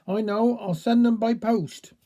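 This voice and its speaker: A man's voice: high-pitched, fairly even intonation, unhurried, mellow. A man voicing a fussing Cornish village woman who chatters in a flustered rush.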